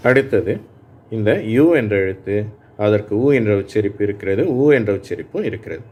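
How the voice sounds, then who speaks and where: A man teaching English phonics to adult learners, reading words slowly and patiently and pausing so listeners can repeat them. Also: lowish voice, animated, a little mellow, husky. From Tamil Nadu, India. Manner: slow, patient, reads words aloud for repeating. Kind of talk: spoken lesson for adult learners.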